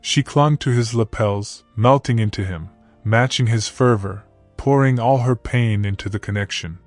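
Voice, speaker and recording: A man narrating a romance story in a slow, dramatic, lingering delivery. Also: medium pitch, soft background music.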